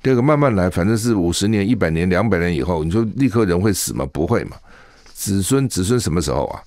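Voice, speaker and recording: A man's voice: low voice, expressive, quick pace, darkish tone, no room sound. A male radio talk show host, giving chatty, emphatic solo commentary from a studio mic, full of rhetorical questions. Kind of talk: solo commentary on current affairs.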